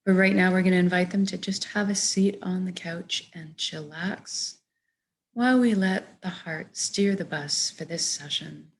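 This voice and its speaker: Soft phrases trail off as a woman with a slightly low, steady voice gives soothing meditation instructions in a gentle, measured manner.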